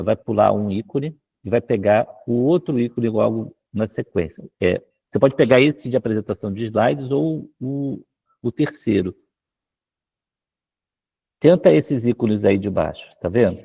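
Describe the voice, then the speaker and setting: Husky man guiding over a lo-fi call. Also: on the low side, lively intonation, moderate pace. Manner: patient, directive. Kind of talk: casual tech help on a video call. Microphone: video call.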